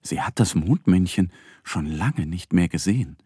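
A male storyteller reading a children's tale in a soft, expressive bedtime manner. His voice sits fairly low with a husky grain and moves a lot in pitch. The recording is close and dry. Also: normal speed, dry recording. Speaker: narrator.

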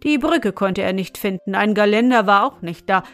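A woman narrating an audiobook story in a measured storytelling manner. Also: mid-range voice, expressive, fairly bright tone. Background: faint music.

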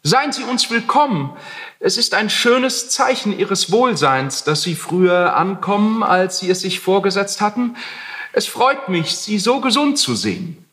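A man's voice: high voice, lively intonation, unhurried, bright, forceful tone, voice pushed up, exaggerated voice. A man reading aloud and voicing a young male tenant who answers his landlord with exaggerated, ironic courtesy. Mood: mock-polite. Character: young male tenant, politely mocking, evasive. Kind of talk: literary reading.

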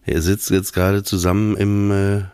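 A man's voice: on the low side, little pitch movement, moderate pace, mellow, clear, resonant tone, no room sound, studio quality. A man co-hosting a podcast, telling a story in a casual, teasing way. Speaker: podcast co-host. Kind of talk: casual chat.

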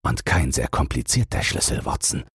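A man reading as Sherlock Holmes, deep and husky. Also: very animated, fairly bright tone, no echo, studio quality, exaggerated voice. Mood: calm. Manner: measured, reasoning aloud. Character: Sherlock Holmes, keen analytical male detective. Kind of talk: audiobook read for sleep.

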